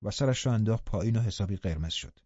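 A man narrating a novel as an audiobook with expressive, measured reading. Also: on the low side, dry recording, muffled recording. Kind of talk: scripted storybook narration.

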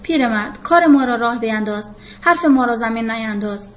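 A woman's voice: on the high side, animated, highs cut off, a little hiss or hum, lightly acted. A woman voicing a bossy male police captain who speaks in curt commands, in a storybook reading. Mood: brusque.

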